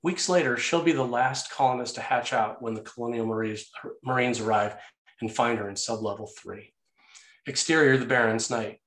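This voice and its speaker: In an echoey room, a man narrates a screenplay's action and scene headings at a normal speed. His medium-pitched voice comes across a bit bright.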